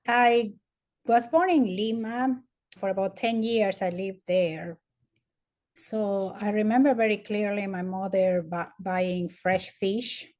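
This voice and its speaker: A woman in her fifties from Peru with a Peruvian Spanish accent, telling food memories as a podcast guest with soft laughs. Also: mid-range voice, slow pace. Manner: warm storytelling with frequent soft laughs. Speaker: guest dietitian. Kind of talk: conversational interview.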